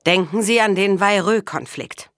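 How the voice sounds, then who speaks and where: A woman's voice: mid-range voice, normal speed, a bit bright, dry recording, clean studio sound, voice pushed up, close to an everyday voice. A woman reading the part of a stern man giving a warning. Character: stern male official, warning.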